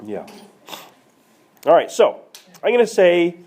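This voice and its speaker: Coughing male math teacher, lively pitch. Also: takes it slowly. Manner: coughing now and then, apologetic; checks in with students, asks questions. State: coughing, slightly hoarse. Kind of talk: classroom lecture screencast. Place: classroom. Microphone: tablet screencast mic.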